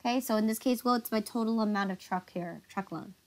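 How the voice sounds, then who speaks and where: A woman's voice: fairly high pitch, a little fast, a little mellow. A woman tutoring accounting in a casual one-on-one session, patiently checking each step and asking guiding questions.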